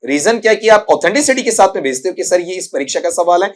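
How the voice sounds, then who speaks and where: Higher-voiced Hindi-speaking male English tutor. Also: expressive. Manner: addresses students as "बच्चा" and "बेटा", spells and sounds out words slowly; filler "आपका" repeated constantly. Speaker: English teacher. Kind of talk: exam-prep grammar lesson in Hindi.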